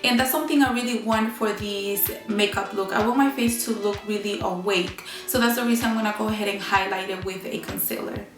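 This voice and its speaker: A woman's voice: medium pitch, fairly even intonation, fairly quick, hardly any pauses. Honking, congested woman doing a makeup tutorial. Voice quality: honking, nasal cold-stuffed voice. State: congested with a bad cold. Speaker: beauty vlogger. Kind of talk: casual chit-chat makeup tutorial. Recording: roomy echo, music behind. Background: music.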